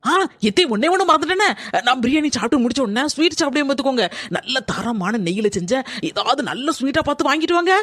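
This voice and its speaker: A woman's voice: sits high, expressive, quick pace, fairly bright tone, dry recording, clean studio sound. A woman doing a scheming young daughter-in-law. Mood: sweet-talking. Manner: sweet-talking, sarcastic asides. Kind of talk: cartoon comedy voice acting.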